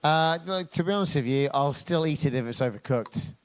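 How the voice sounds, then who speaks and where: Lively male drift commentator. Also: on the high side, brisk, clear, resonant tone. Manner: energetic, joking play-by-play. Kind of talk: live motorsport commentary.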